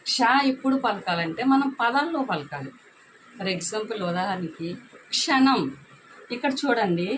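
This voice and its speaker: A woman's voice: medium pitch, fairly bright tone, a little hiss or hum, rough recording. A woman teaching the Telugu alphabet, patiently explaining pronunciation, mixing in English words and often checking with "okay?".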